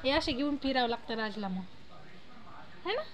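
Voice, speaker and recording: A woman's voice: high voice, animated, normal speed, noisy background. A young woman filming her baby outdoors under the trees, chatting to the camera and coaxing the child in a sing-song voice. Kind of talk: casual home vlog, talking to camera and baby.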